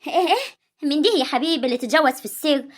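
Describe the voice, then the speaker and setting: High, rapid-fire sharp-tongued Egyptian village woman, as a woman plays her, proud and confrontational, amateur drama role. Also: lightly acted. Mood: indignant.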